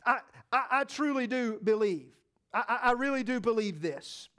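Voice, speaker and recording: A man preaching a sermon in church, impassioned and storytelling, swinging from hushed appeals to shouts. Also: extremely high pitch, lively intonation, moderate pace, clear, resonant tone. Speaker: pastor.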